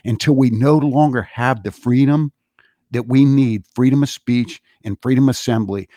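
A man's voice: medium pitch, normal speed, dark tone, no room sound. A man giving a solo political commentary monologue in an insistent, repetitive, speech-like manner.

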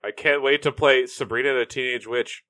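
A man's voice: medium pitch, fairly even intonation, moderate pace, sharp tone. A man with a mid-range voice co-hosting a podcast. He chimes in with dry remarks and facts he is looking up, laughing along with the others. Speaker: podcast co-host. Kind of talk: casual chat.

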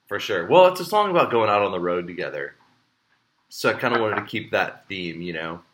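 A man's voice: fairly low pitch, expressive, fairly quick, background noise. A man hosting a casual podcast chat, rambling with plenty of fillers and restarts. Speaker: podcast host and show promoter.

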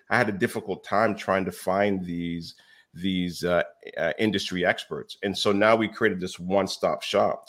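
A man with a deep, low voice speaks as a podcast guest. He tells his stories with energy, acting out the dialogue. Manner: animated storyteller, acts out quoted dialogue. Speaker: real estate education company founder.

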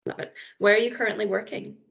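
A woman co-hosting a podcast, asking interview questions with enthusiastic, quick affirmations. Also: medium pitch, steady tone, vocal fry, a bit bright. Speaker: podcast co-host. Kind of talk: casual interview chat.

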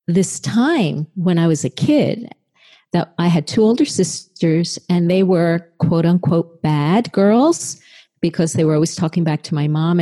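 A woman's voice: on the low side, dark tone. A woman telling a personal story in a conversational way, with many fillers. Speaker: speaker sharing a personal story. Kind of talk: storytelling talk.

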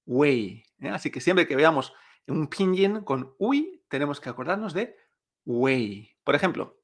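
A young man teaching Chinese pronunciation in Spanish, explaining slowly, repeating sounds and adding a checking "eh?". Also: fairly high pitch, lively intonation. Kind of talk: pronunciation lesson.

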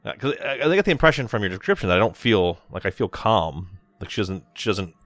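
A man's voice: on the low side, sing-song, quick pace, a bit bright, no echo. A man talking casually as a player in a tabletop role-playing game, hesitant and thinking aloud as he goes.

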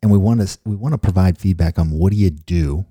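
A man's voice: low-pitched, quick pace, warm tone, dry recording, studio quality. A middle-aged man hosting a podcast in casual chat, rambling and joking off on tangents. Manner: rambling, jokey, goes off on tangents. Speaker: podcast host.

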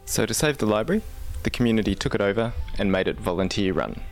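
A man co-presenting and telling a story in an expressive, casual way. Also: lowish voice, quick pace, faint music behind.

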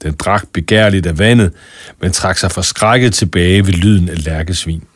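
Calm man reading a children's tale. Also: low voice, dry recording, clean studio sound. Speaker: narrator. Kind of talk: scripted storybook narration.

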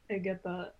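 A woman's voice: fairly low pitch, dull audio, a little hiss or hum. A woman guest on a podcast, chatting casually and telling stories with lots of laughter. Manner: animated, laughing storyteller. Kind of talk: casual chat.

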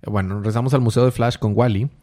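Man hosting a comics podcast, chatty, mid-pitched, mixes in English and slang. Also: fairly even intonation, quick pace, mellow. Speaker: podcast host. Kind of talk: casual comic-book recap chat.

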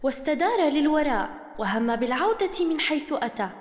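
High-voiced woman telling a children's story. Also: sing-song, brisk, slight background noise. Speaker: storyteller host. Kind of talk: scripted children's story narration. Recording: roomy reverb, long echo, soft music bed. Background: faint background music.

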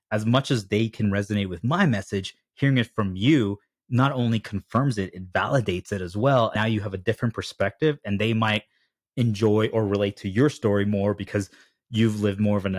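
A man hosting a casual podcast interview, talking at length in a rambling, animated way. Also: fairly low pitch, no room sound, clean studio sound. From United States. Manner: talkative, rambling, animated storytelling. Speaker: podcast host.

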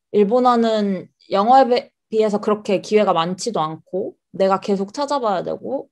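A young woman from South Korea speaks as the guest in a casual interview. Her voice sits at a middle pitch. She explains her points reflectively, in a conversational way.

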